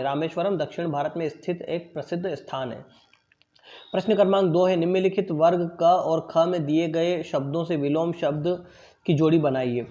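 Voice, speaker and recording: A man teaching an online class, explaining answers slowly and repeating them, often checking in with his pupils. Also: a little high, darkish tone, lo-fi sound. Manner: drills pronunciation, word then pause for pupils.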